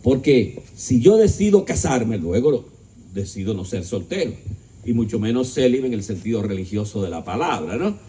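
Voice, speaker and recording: A man from the Dominican Republic with a dark voice gives a philosophical lecture to an audience at a discussion gathering, speaking at a moderate pace. He is emphatic, with big swings in pitch and volume, and he poses rhetorical questions to listeners and adds joking asides.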